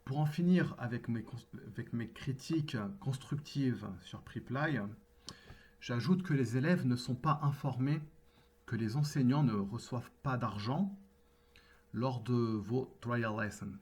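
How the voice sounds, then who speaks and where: A man who tutors French, speaking in a formal, measured way with deliberate pauses; when he switches to English he has a French accent. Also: medium pitch, a little mellow, breathy edge. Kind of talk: scripted personal address to camera.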